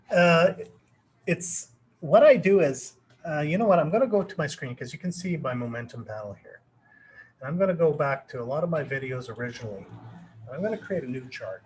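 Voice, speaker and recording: A man's voice: fairly high pitch, a little hiss or hum, poor audio. Rambling man teaching trading live. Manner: loose, rambling, thinks aloud with fillers. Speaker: trading educator presenting a webinar. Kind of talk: live webinar teaching with viewer Q&A.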